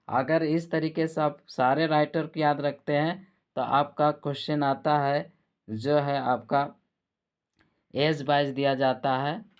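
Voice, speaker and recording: Male coaching teacher, unhurried and clear, repeats names. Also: medium pitch. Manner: slow, repeats and corrects names as he goes. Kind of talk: lecture to students.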